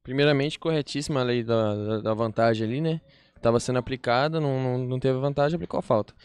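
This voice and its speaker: A man's voice: mid-range voice, quick pace, darkish tone, smooth, dry recording. A man with a Brazilian accent giving colloquial, conversational analysis as a football pundit.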